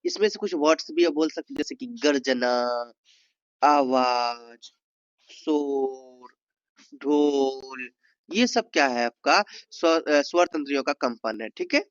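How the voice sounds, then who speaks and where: A man's voice: a little high, lively intonation, moderate pace, no echo. A man teaching an exam-prep lesson, explaining step by step and often checking whether the students have understood. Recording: dull, muffled sound.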